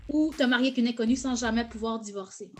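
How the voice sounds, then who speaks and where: A woman's voice: a little high, quick pace, soft background music. A woman co-hosting a casual game chat, reading questions out plainly.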